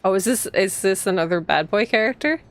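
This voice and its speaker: A female virtual YouTuber streams a visual novel, reading it aloud and adding sympathetic, gushing asides over the game's music. Her medium-pitched voice is expressive and a little fast.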